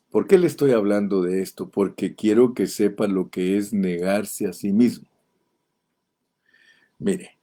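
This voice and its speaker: In his seventies, a pastor with a Guatemalan Spanish accent preaches a sermon, spinning folksy stories that build toward impassioned appeals. His voice is low with a dark tone.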